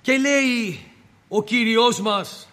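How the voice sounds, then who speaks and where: A man delivers an impassioned sermon in a high-pitched voice. He piles up rhetorical questions and takes on the voices of both the Lord and the believer. His words ring out with a long reverb in a church hall. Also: pushed and bright. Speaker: preacher.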